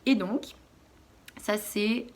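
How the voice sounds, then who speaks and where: A woman's voice: mid-range voice, fairly even intonation, drawn-out words. Young woman, casual rambling chat, fillers and restarts, home podcast. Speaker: knitting podcast host. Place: dark room at home.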